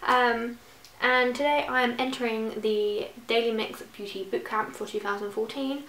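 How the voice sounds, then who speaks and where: A young British woman with a slightly croaky voice from a cold, giving a casual product review to camera as a beauty vlogger. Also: a little high, fairly even intonation, moderate pace, a bit bright. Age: young adult. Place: small furnished bedroom, indoors. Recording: roomy echo, distant mic, faint hiss.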